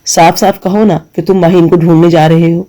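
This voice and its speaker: A man's voice: a little high, flat delivery, dark tone, lightly acted. A man voicing a stern father. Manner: stern, firm. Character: stern middle-aged father.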